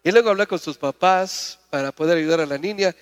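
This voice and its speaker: A man with a high voice preaching to a congregation, his words ringing through a reverberant church hall. He keeps asking the crowd questions and pushes his voice up in pitch and volume to drive each point home. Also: a little fast, clean tone. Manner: preaching with call-and-response questions, climbing loud and high. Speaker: pastor. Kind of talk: sermon.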